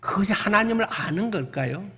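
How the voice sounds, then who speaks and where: High-voiced male pastor preaching conversationally. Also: animated, a little fast, fairly bright tone. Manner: conversational preaching with acted-out everyday dialogue. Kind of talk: sermon.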